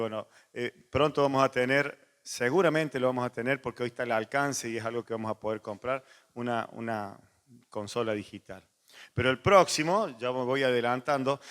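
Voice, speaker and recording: A man, a pastor preaching a sermon, animated and moving between loud emphasis and soft asides. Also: mid-range voice. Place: church hall. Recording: long church reverb.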